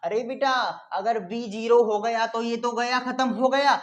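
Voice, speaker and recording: A man's voice: very high voice, steady tone, moderate pace. A man teaching an online lesson who says each point several times and answers for his own students, calling them "beta". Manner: repeats points in call-and-response; calls listeners "beta".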